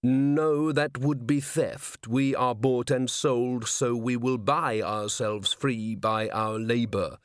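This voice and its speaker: A literal-minded clay golem constable from an audiobook tale speaks slowly and deliberately, each phrase set down with care. A man gives him voice in a dry, close read. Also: medium pitch, smooth, dry recording, natural voice. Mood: earnest. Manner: slow, measured, deliberate, flat.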